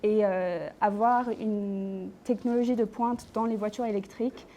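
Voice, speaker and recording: A woman's voice: medium pitch, steady tone, unhurried, dark tone, lo-fi sound, a little hiss or hum. A young woman answering questions in an admissions interview, hesitant, with many fillers and self-corrections. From Australia. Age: young adult. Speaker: interview candidate.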